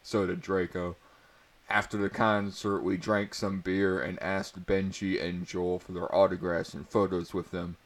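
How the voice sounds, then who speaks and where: A man gives a mock-dramatic reading of fan fiction, tossing in asides and often breaking into laughter as he goes. His low voice shows little pitch movement, and his pace is a little slow.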